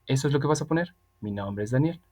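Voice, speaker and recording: An online English teacher in his 30s explains things patiently and emphatically, repeating himself often in casual spoken tutoring. His mid-range voice is animated, quick, a little mellow, and husky.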